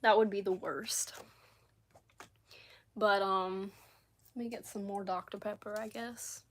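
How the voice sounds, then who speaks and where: A woman talks loosely and casually on a livestream from her living room, her voice a little scratchy. She rambles along, circling back over her thoughts with plenty of fillers, at a pitch that sits in the middle for a woman. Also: steady tone, unhurried. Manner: rambling, chatty, frequent "like" and "um". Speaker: crochet livestreamer. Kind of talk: casual live chat.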